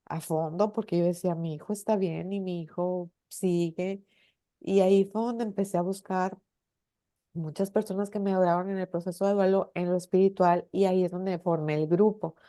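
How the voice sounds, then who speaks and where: A middle-aged Mexican woman speaking as an interview guest, telling her own story in an earnest, halting way, with many restarts and tag questions. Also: mid-range voice, mellow. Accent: Mexican Spanish. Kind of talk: personal testimony in an interview.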